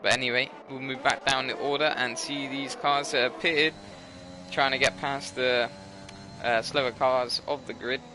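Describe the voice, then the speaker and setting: A man's voice: mid-range voice, fairly even intonation, moderate pace. Young male sim racing commentator, tired, rambly, self-correcting, noisy home recording. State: tired, yawning. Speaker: race commentator.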